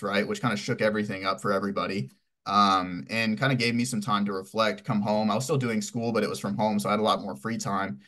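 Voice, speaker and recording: Young guest from Texas, twenties, lowish voice, loose rambling storyteller full of ums. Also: male voice, pushed and bright. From Houston, Texas. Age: 20s. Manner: rambling, filler-heavy storytelling. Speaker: podcast guest. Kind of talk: casual interview answers.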